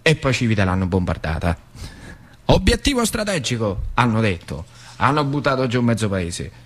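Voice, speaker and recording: A stage actor performs a theatrical storytelling monologue for radio, playing an old factory worker who reflectively recalls his boyhood. His mid-range voice is very animated at normal speed, carrying a rural central Italian accent from northern Lazio. The colloquial, vivid delivery swings between hushed and cried-out.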